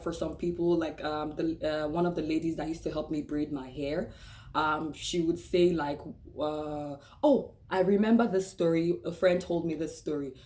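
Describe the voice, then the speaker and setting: In a casual personal vlog, a woman with a Nigerian accent talks candidly, her low voice dark in tone over slight background noise. She's chatty, full of "like" and "um," restarts often, laughs easily, and acts out the voices she quotes.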